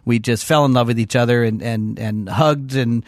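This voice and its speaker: A man as a radio show guest, speaking in a soft, heartfelt way. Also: medium pitch, steady tone, moderate pace, dry recording, studio quality. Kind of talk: casual radio talk.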